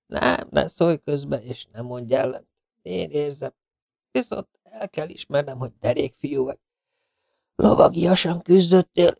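A man's voice: a little high, vocal fry, slightly rough, no echo, studio quality, pitched above the performer's own voice. A man voicing a badly wounded legionnaire who whispers weak, breathless last words. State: dying, whispering.

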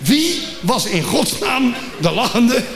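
A man's voice: extremely high pitch, sing-song, slow, gravelly, loud music behind the voice. A man from The Hague telling a comic story on stage and acting out the voices of the people in it. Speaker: comedian. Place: theatre stage. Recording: live theatre recording with hall reverb, audience laughter and noise.

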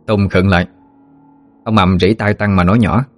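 A man narrates a ghost story in a calm, even way. His voice is dry and close. Quiet music runs underneath. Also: low voice, normal speed, no echo.

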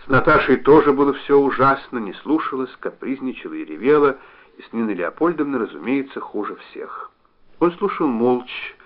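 A man narrating a novel in a measured, expressive reading style, on a dull lo-fi recording. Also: medium pitch. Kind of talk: literary audiobook reading.

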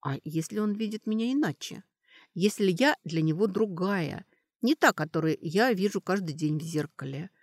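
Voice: mid-range voice, lively intonation, moderate pace, no room sound. A narrator voicing a wry young woman. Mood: wondering. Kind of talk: inner thoughts in an audiobook.

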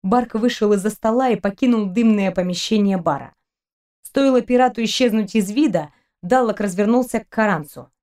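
A woman's voice: medium pitch, normal speed, a little mellow. Woman narrating a sci-fi audiobook. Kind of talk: scripted narration.

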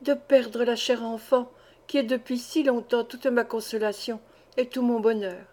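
A woman voicing a tender, grave elderly aunt in a storybook reading, solemn and gently reproving. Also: fairly high pitch, steady tone, normal speed, natural voice.

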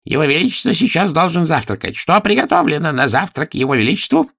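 Storybook role: fussy, trembling old male master of ceremonies, quavering and high, put on by a male reader. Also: big pitch swings, fast talker, creaky, a bit bright, no echo, studio quality, exaggerated voice. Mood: indignant.

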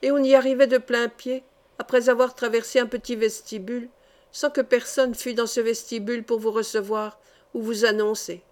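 A woman reading a classic novel aloud as an audiobook, in a measured, even storytelling manner. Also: fairly high pitch. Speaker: audiobook reader. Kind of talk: scripted narration of a novel.

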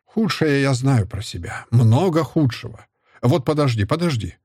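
A man's voice: medium pitch, animated, moderate pace, a little mellow, slightly rough, no room sound, clean studio sound. A man voicing a bitter, disgusted scholar. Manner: bitter, contemptuous outbursts. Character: bitter, disgusted middle-aged scholar and husband. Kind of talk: audiobook character voice.

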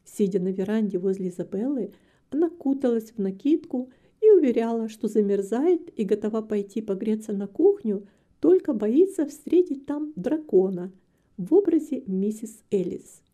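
A woman narrating an audiobook novel in a calm, even storytelling manner. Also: fairly high pitch, normal speed. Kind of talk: scripted narration.

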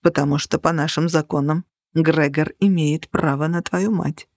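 Reader doing an old sad vampire, quiet and measured, low, dry sound. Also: steady tone, creaky, dry recording. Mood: sad calm. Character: calm, sad ancient male vampire.

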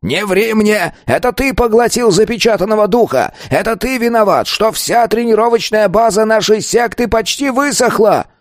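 Guy doing a raging old sect elder, screaming way up high, dry close audio. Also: lively intonation, normal speed, hardly any pauses, dry recording. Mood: furious. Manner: shouting, snarling high and strained. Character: furious old male sect elder, roaring accusations.

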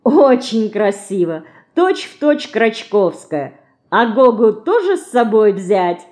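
A woman voicing a modest, gentle mother who frets over her children in an audiobook. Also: on the high side, sing-song, slow pace, pitched above the performer's own voice. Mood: fretting.

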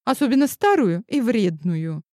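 A woman voicing a sharp-tongued, cackling woman astrologer who teases shrilly. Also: big pitch swings, normal speed, no room sound, clean studio sound. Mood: bossy. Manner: shrill and teasing.

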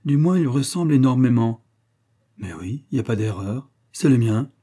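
A man's voice: mid-range voice, lively intonation, normal speed, mellow, lightly acted. A man reading an audiobook, voicing a cocky young Parisian street lad who talks in a boastful, slangy way.

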